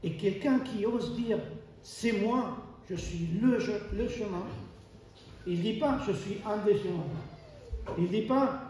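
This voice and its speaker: Preaching with emphasis in a church hall, a man from Argentina whose first language is Spanish repeats key phrases and poses rhetorical questions in his Argentine accent. His voice sits high and has a darkish tone, and his pace is slow. The hall is echoey and the microphone is distant.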